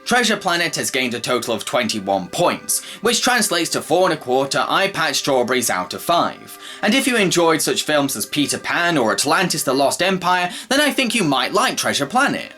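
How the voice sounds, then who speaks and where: Male reviewer: scripted narration, forward bright tone, lively pitch movement, light music bed. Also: moderate pace, few pauses. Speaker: film reviewer. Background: faint background music.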